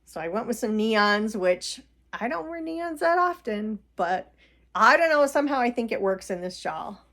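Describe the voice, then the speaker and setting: A woman's voice: fairly high pitch, expressive, normal speed, fairly bright tone. A woman hosting a knitting vlog, chatting casually about her shawls with frequent laughs and fillers. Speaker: knitting podcast host. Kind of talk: casual chat showing knitted projects. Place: home.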